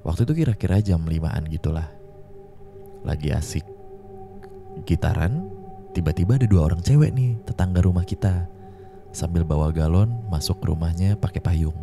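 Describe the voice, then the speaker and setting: A man hosting a podcast, reading out a listener's ghost story in a slangy, conversational way and slowing down for suspense. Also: a bass voice, dark tone. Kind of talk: casual horror storytelling. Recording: clear music bed behind. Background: music.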